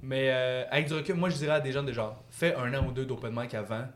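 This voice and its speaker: A man's voice: mid-range voice, fairly even intonation, fast talker. A young man with a Quebec French accent chatting casually as a comedian guest, in loose colloquial slang. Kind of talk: casual podcast chat.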